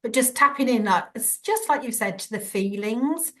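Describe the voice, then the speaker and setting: A woman's voice: on the high side, moderate pace. Woman telling stories on a podcast. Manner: animated anecdotes with quoted dialogue. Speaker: podcast guest, former nurse. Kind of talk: conversational storytelling. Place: podcast interview.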